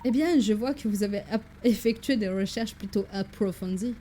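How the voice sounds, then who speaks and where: A woman voicing a courteous middle-aged British gentleman professor, speaking French with a put-on English accent in a formal, measured way while reading game dialogue aloud. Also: mid-range voice, slight background noise, close to an everyday voice.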